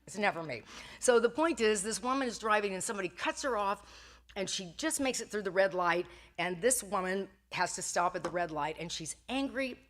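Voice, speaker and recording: A woman's voice: mid-range voice, expressive, brisk, a bit bright. An older woman giving a casual sermon at a Sunday church service, chatty and self-deprecating, laughing often and restarting her sentences. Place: church sanctuary.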